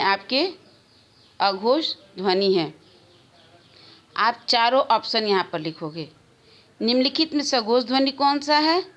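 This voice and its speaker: A woman teacher talks her young pupils through a recorded grammar lesson. She speaks in a fairly high voice at a slow, deliberate pace. She says the key answers over and over so the children can take them in. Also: fairly bright tone. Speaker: school teacher.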